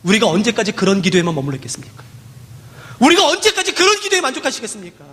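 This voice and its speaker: A man's voice: high-pitched, huge pitch swings, very fast, fairly bright tone, in a large hall. A man preaching a sermon, telling a story with acted dialogue and dramatic rises and falls.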